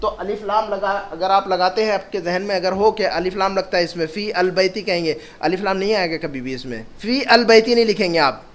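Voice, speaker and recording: Patient, high-voiced male Arabic teacher. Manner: patient, repeats each phrase slowly, asks questions. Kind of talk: classroom grammar lesson.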